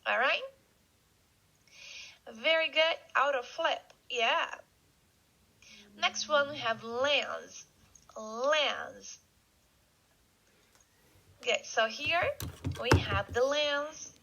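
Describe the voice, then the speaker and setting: High-voiced woman teaching English slowly. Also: bright, forceful tone. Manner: slow, repeats words for learners to echo. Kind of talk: online English vocabulary lesson. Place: Canada. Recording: dull lo-fi recording.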